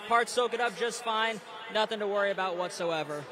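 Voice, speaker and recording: A man's voice: high-pitched, fairly quick, noisy background. A man, a motorsport crew chief, giving an upbeat, reassuring live interview at trackside. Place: on the track at a stadium event.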